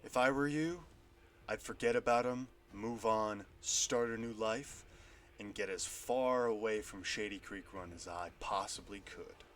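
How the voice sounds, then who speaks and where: A man voicing a mocking, menacing male thug leader with a warhammer, speaking low and quiet. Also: unhurried.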